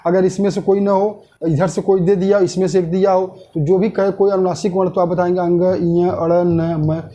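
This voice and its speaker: A man teaching a grammar lesson online, posing questions to the class and answering them himself, repeating key terms slowly. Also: sits high, little pitch movement, dark tone.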